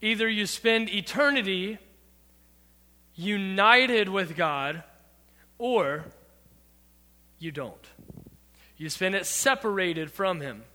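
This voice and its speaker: A man with a high, bright voice preaches a youth sermon. He keeps it loose with playful, jokey asides to the listeners, and a long hall reverb trails every line. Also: slow, long pauses. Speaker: youth pastor.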